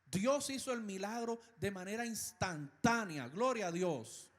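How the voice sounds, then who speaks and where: A male pastor with a Dominican accent preaching a sermon, slow and emphatic, with dramatic pauses and hushed, gentle passages. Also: sits high, animated. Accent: Dominican Spanish.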